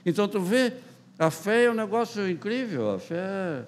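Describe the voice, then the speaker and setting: An older man in his eighties with a Southern Brazilian accent spins long, rambling stories, restarting his sentences as he goes. His voice sits a bit high for a man. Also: normal speed. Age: 80s. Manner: rambling, animated storytelling with many restarts. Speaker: guest writer. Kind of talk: storytelling interview.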